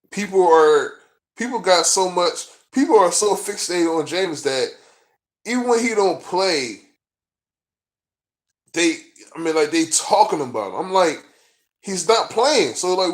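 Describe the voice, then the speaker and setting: A man vlogging as a sports fan, ranting in a profane, frustrated and rambling way, full of fillers. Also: on the high side. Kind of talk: casual rant to camera.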